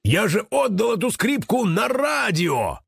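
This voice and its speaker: Storybook: sentimental old raven musician, theatrical, raised voice, gravelly edge, put on by a male narrator. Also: on the high side, huge pitch swings, moderate pace, fairly bright tone, exaggerated voice. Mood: alarmed. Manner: theatrical, sighing, dramatic outbursts.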